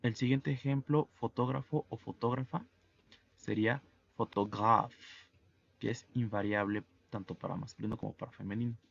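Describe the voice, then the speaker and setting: A man teaching French to Spanish speakers, explaining pronunciation slowly and methodically, letter by letter. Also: fairly low pitch, fairly even intonation, gravelly, highs cut off. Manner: slow, methodical, spells out sounds letter by letter. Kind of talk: online language lesson.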